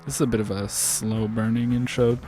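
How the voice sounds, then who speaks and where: A man's voice: lowish voice, brisk, soft background music. A man co-hosting a podcast, chatting casually and often restarting his phrases. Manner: relaxed, self-correcting, restarts phrases. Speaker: podcast co-host. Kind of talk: casual reaction chat.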